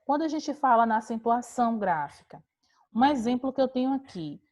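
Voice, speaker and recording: A woman's voice: fairly high pitch, expressive, brisk, a little mellow. Patient woman teacher explaining on a video call. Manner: patient, explains step by step with rhetorical questions. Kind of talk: online class lesson.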